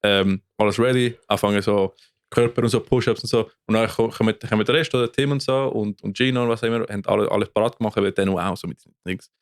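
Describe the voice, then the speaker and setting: A man's voice: fairly low pitch, fairly even intonation, fast, dry recording, studio quality. A man with a Swiss German accent, a band guitarist co-hosting a podcast and telling rambling stories full of fillers and restarts. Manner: rambling storyteller, many fillers and restarts, laughs often. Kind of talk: casual podcast chat.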